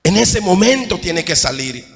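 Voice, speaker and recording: High-voiced Mexican pastor preaching in a reverberant church. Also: male voice, sing-song, measured pace, creaky. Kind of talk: sermon. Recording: long church-hall reverb.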